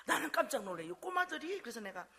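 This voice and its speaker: Older woman pastor, emphatic sermon delivery, tense bright tone, church hall reverb. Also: sits high, sing-song, fast. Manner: emphatic preaching, calls out hallelujah and prompts the congregation.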